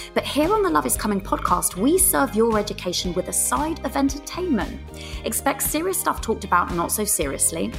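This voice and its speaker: A British woman in her thirties speaks straight to listeners as a podcast host and coach, chatty, breezy and cheeky with theatrical emphasis. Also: mid-range voice. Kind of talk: solo podcast, chatty direct address to listeners.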